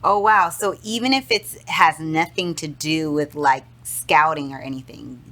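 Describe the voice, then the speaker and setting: A woman's voice: deep voice, unhurried, a bit bright. A woman hosting an interview, attentive and chatty, backing up her guest with short replies. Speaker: podcast host. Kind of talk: interview chat.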